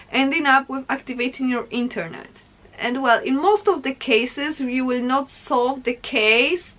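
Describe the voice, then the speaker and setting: Chatting casually and with animation, a young Polish vlogger delivers a monologue to her viewers on camera. Her voice sits high with a fairly bright tone, and she speaks with a Polish accent.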